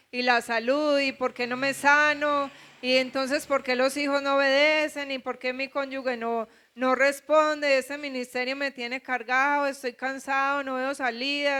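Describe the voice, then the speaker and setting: A woman's voice: high-pitched, bright, forceful tone, smooth. A middle-aged woman pastor with a Colombian accent, preaching a sermon full of rhetorical questions. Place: church.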